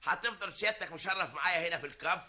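Cocky jealous Egyptian village guy, radio comedy, very fast talk, bright forceful tone. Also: a little high. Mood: cocky bluster. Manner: bantering, jokey, quick to bluster. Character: boastful jealous village man, comic and quick-tongued. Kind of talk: vintage radio comedy acting.

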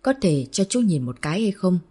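A woman voicing a kindly young man who speaks in a gentle, coaxing way. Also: lowish voice, big pitch swings, fairly quick, husky. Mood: curious.

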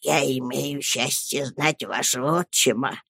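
Reader doing a nasty whispering headmaster, low hoarse hiss, slow and creepy, dry audiobook sound. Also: expressive, no echo, exaggerated voice. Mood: menacing whisper. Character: fat, red-faced, cruel schoolmaster who can only whisper. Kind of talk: audiobook reading.

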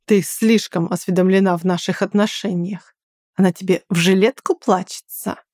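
A woman's voice: mid-range voice, fairly even intonation, moderate pace, darkish tone, dry recording, studio quality, lightly acted. A woman reading an audiobook and voicing an angry, sarcastic young man who is the heroine's former lover. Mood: mocking. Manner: pushy, then weary and sarcastic.

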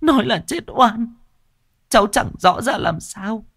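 A man voicing a desperate young widowed mother who pleads tearfully in a high, wailing voice, in a spoken ghost story. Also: expressive, measured pace, creaky, fairly bright tone, dry recording, studio quality, full character voice. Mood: pleading.

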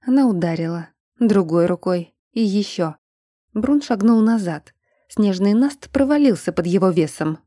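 A woman narrating an audiobook in a steady, measured storytelling manner. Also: mid-range voice, no room sound, clean studio sound. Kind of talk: scripted narration.

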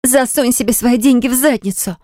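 A woman narrator voicing a furious, defiant young mother with high, hissing, indignant outbursts. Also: fast, darkish tone, no echo, clean studio sound, natural voice.

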